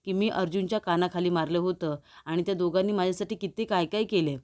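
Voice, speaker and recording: A woman voicing a quiet, remorseful older father in a serial recap, subdued and guilty. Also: fairly low pitch, steady tone, fast talker, natural voice.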